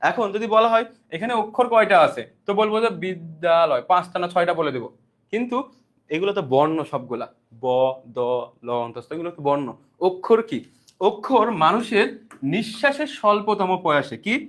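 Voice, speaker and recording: High-voiced young male tutor. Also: expressive, fairly quick, a bit bright. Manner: explains step by step, asks rhetorical questions and answers them. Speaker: admission-prep tutor. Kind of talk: online exam-prep lesson.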